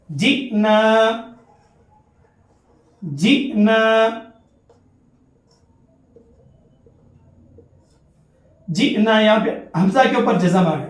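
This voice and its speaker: Teaching Quran recitation, a high-voiced man returns to every rule several times. His chanting of the sample syllables is slow and stretched out, and the space around him echoes heavily.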